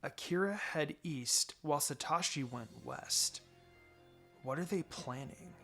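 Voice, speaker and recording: A man with a slightly high, husky voice reads a piece of fan fiction aloud at a slow pace. His delivery is expressive and dramatic, like a scripted story, with faint background music behind him.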